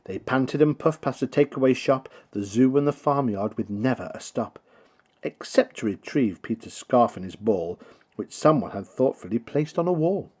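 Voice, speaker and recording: Reading a rhyming children's picture book, a male storyteller uses a theatrical, rhythmic style at a moderate pace. His pitch leaps about very lively, and his voice has a slightly husky edge.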